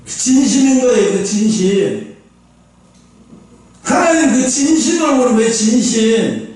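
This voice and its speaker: A man, a pastor, preaching a sermon to his congregation in animated bursts, swinging from loud outcries to low asides and asking the listeners question after question. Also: unhurried. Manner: speaks directly to the congregation with rhetorical questions. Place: church sanctuary. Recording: echoey church hall, mic at a distance.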